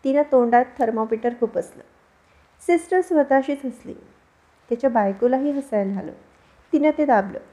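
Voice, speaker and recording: A woman narrating a short story aloud in a measured, expressive storytelling manner. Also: a little high. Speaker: audiobook narrator. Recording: dull lo-fi recording.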